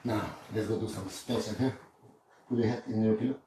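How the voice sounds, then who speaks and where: Male massage therapist, calm, keeps saying don't worry, roomy room, mic far off. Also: lowish voice, brisk. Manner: reassuring, repeats "don't worry", counts aloud. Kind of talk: casual talk while treating a client. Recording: roomy room, distant mic, faint noise.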